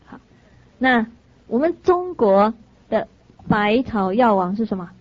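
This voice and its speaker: A woman delivers a storytelling sermon to listeners, animated and prone to self-corrections. Her voice sits fairly high. The recording is dry and a little lo-fi. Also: unhurried, no echo. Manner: lively storyteller, laughs, corrects herself. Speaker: dharma teacher. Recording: dry, slightly dull lo-fi sound.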